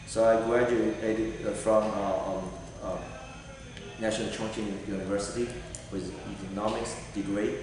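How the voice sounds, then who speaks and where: A man's voice: lowish voice, a little mellow, far from the mic, slight background noise. Earnest man, echoey hall. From Taiwan. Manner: earnest, halting, many fillers. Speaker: political candidate. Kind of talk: answering vetting panel questions. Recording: echoey hall recorded from afar.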